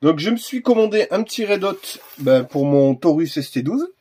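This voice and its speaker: A man's voice: fairly high pitch, very animated, moderate pace, mellow, husky. A man hosting a casual unboxing video, talking hesitantly with lots of fillers and restarts. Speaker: gun accessory reviewer.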